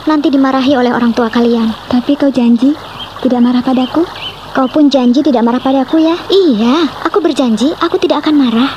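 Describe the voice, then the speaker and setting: A woman's voice: high-pitched, brisk, a little mellow, dull audio, slight background noise, lightly acted. A woman playing a pleading young village girl. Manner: pleading and teasing. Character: young village girls, friends quarreling at the river. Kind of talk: Indonesian radio drama acting.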